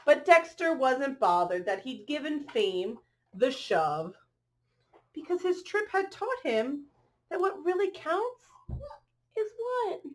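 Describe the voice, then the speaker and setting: Slow and sing-song, a high-voiced woman reads a picture book to children with plenty of expression. Chatty remarks, questions and exclamations help her draw the listeners in.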